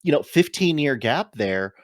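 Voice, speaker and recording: A man co-hosting a gaming podcast in casual chat, talking things through in a measured way. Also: on the high side, animated, no echo, clean studio sound. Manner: measured, many "you know" fillers. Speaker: podcast co-host.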